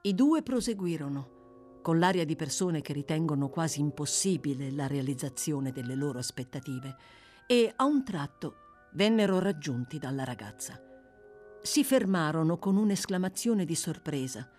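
A woman reading a classic novel aloud with expressive, dramatic narration. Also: deep voice, normal speed, faint music behind. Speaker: audiobook reader. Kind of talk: literary audiobook narration.

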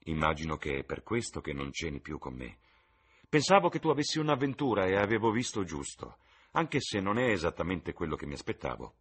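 A man reading an audiobook, voicing a worldly, cynical gentleman with a low, dryly ironic drawl. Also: very animated, brisk, breathy edge, full character voice. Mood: sardonic. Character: worldly older gentleman, languid, cynical, amused.

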